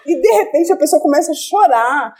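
Young woman guest, high-pitched and lively, acts out every quote as she tells it. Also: a little fast. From Brazil. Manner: animated, laughing, acts out quoted lines. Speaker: guest actress. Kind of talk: casual podcast chat, storytelling.

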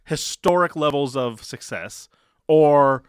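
A man hosting a sports talk radio show, chatting and presenting in an animated way. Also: fairly high pitch, slow, clean tone, dry recording, studio quality.

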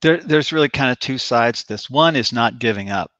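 A man's voice: mid-range voice, brisk, a bit bright, no echo, dull audio. A man working as a sports performance coach, answering interview questions in a casual storytelling way with fillers and restarts.

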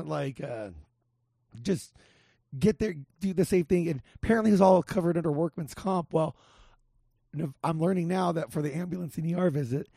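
A man hosting a casual podcast with a gravelly, hoarse, raspy voice and a halting, sweary way of talking. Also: on the high side, warm tone, dry recording, clean studio sound. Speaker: podcast host.

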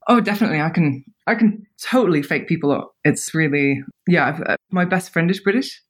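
Deep-voiced and brisk, this thirtysomething woman appears as a guest on a podcast. Her casual storytelling interview is peppered with fillers and frequent laughs as she recounts personal stories.

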